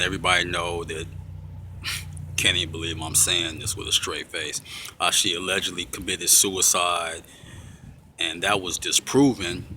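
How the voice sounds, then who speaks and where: A low-pitched man talks straight to his audience in a deliberate, measured way, drawing out the words he wants to land. His voice is deep but cuts through with a very bright, forward edge. A faint hiss sits under the recording. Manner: measured, deliberate, slows down to stress points. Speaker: occult commentary channel host. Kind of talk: casual solo commentary.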